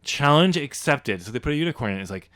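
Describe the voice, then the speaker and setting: A podcast host who is also an author chats casually and fast about his own novel, his voice on the high side. He is jokey and animated, laughing often, and the recording has no room sound.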